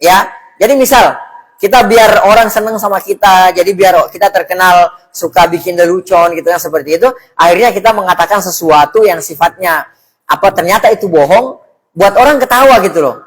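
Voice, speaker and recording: A man's voice: high-pitched, fairly quick, poor audio. A man giving a casual sermon, talking conversationally, reciting Arabic phrases and asking the audience questions. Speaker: Islamic preacher.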